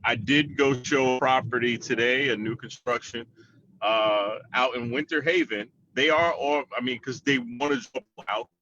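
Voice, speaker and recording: Give me a man on a breaking-up call line, bright and dull, with faint noise. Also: mid-range voice, normal speed. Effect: breaking-up connection, choppy audio. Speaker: real estate agent. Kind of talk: casual chat on a remote call. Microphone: phone or laptop on a video call while on the move.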